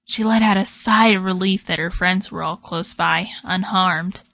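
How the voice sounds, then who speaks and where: A woman narrating a storybook tale in an expressive, dramatic way. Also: lowish voice, normal speed, gravelly.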